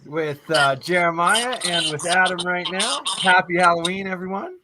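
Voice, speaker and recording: A man's voice: high-pitched, normal speed, noisy background. A man co-hosting a casual livestream, welcoming guests and agreeing along. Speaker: livestream co-host.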